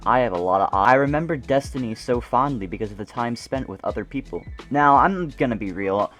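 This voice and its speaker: A man's voice: medium pitch, fairly bright tone. A young man narrates his gaming memories with comic, self-deprecating timing, cursing casually and tossing in asides. His voice sits right in the middle of the usual male range. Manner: self-mocking, jokey, swears, breaks off into laughs and asides. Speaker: gaming video creator. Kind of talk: comedic scripted narration.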